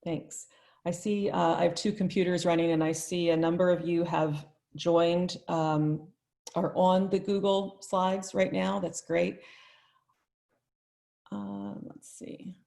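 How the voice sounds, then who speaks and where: A woman talks through a live online tutorial in a chatty, friendly way. Her voice sits low and has a gravelly texture. She thinks out loud as she demonstrates each step. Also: level tone, slow. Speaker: teacher trainer.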